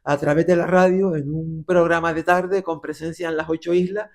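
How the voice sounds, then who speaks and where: A man's voice: on the high side, normal speed, vocal fry. A middle-aged man from Gran Canaria with a Canarian Spanish accent, a radio presenter telling stories as a podcast guest. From Las Palmas de Gran Canaria, Spain. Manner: animated storyteller, voices the people he quotes. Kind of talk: podcast interview storytelling.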